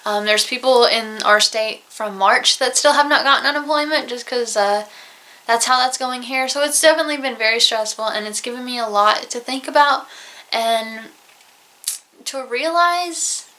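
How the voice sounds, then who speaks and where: Bright-voiced young woman vlogging. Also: a little high, normal speed. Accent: Southern US. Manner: open, emotional, close to tears at times. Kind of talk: personal vlog talk to camera. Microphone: camera mic, alone at home.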